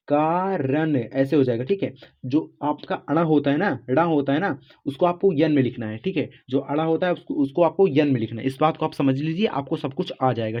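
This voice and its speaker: Man slowly spelling out letters. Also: a little high. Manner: slow, spells out letters one by one, often says "ठीक है". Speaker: teacher. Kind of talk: spelling lesson. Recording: muffled lo-fi recording.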